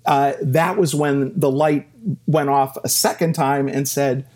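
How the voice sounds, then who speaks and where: Middle-aged male interview guest, mid-pitched, animated storyteller who acts out quotes and laughs at himself. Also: unhurried. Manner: animated anecdotes with self-deprecating laughs and acted-out quotes.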